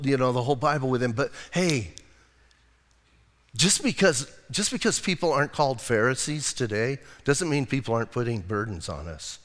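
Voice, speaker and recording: A man's voice: mid-range voice, fairly bright tone. An older man preaching a sermon as a pastor, conversational and emphatic, with frequent casual asides. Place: church sanctuary. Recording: long church reverb.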